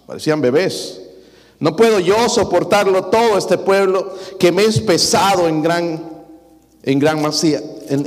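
Male pastor, higher voice, animated sermon with acted-out quotes, church hall reverb. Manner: lively preaching, dramatic quoted voices, addresses congregation as brothers.

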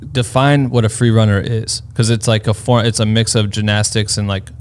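Man, fairly low voice, podcast host, casual and excited, swears a lot, says "like" often. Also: fairly quick. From Iowa, USA. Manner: loose and enthusiastic, swears freely, many "like" fillers. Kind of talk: casual interview chat.

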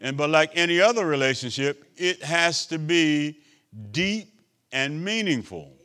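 A man preaching a sermon as a bishop, his voice sitting fairly high for a man. He checks in with the congregation, rises for emphasis, then drops into quiet asides. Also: expressive, measured pace. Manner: preaching with call-and-response asides; swings between loud emphasis and quiet asides.

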